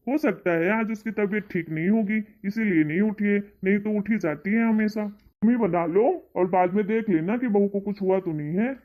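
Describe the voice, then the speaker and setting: A performer playing a patient middle-aged husband and father in a family comedy sketch, who tries to calm his wife down. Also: medium pitch, moderate pace, lightly acted. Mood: placating. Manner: calm, placating, then fed-up. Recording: tinny phone-like audio.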